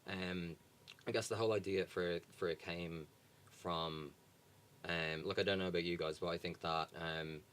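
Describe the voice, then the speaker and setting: A man's voice: sits low, fairly even intonation, normal speed, fairly bright tone, smooth. A young man with a Dublin accent, a charity guest talking casually in an interview with many ums and restarts. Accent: Irish, Dublin. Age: young adult.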